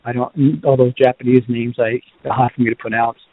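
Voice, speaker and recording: A man with a Boston accent runs through reviews on his podcast in a casual, meandering way, peppered with ums and uhs. He talks fairly quickly at a medium pitch with fairly even intonation, recorded dry and lo-fi like a phone, with no room sound.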